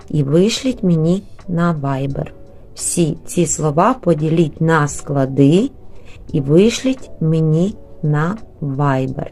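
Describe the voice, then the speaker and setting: Woman teacher, super slow and low-ish, stretching words out for little kids, soft music behind. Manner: slow, drawn-out syllable-by-syllable word modeling. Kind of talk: early literacy lesson for young children.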